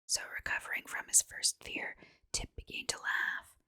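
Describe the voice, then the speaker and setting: A woman's voice: normal speed, bright, forceful tone. A woman reads a children's storybook under her breath in an ASMR style, in an unvoiced whisper.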